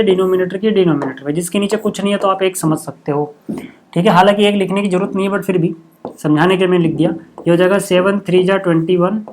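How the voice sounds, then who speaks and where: Guy teaching maths sums slowly step by step, chatty, keeps asking if it's clear, bit of hiss behind. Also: sits high. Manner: talks through sums step by step, often asks "clear?"; casual, mixes English number words into Hindi. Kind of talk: recorded maths lesson.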